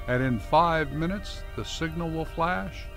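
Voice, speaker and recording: Slow, theatrical male radio host over music. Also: on the high side. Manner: deliberate, theatrical announcer delivery. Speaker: host and narrator. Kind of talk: formal scripted radio introduction and dramatic narration. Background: music behind the voice.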